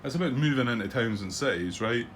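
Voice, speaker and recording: Here the same kind of host, a middle-aged Scot, speaks in a mid-range voice with lively intonation and a quick pace over a noisy background. He chats casually about a solo board wargame at his home desk, hesitating, saying um a lot and restarting sentences.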